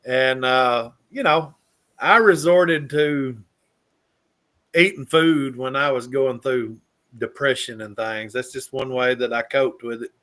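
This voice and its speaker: A man's voice: mid-range voice, takes it slowly, sharp tone. A man from Mississippi with a Southern accent, telling his story in a folksy, casual way. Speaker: guest sharing his story.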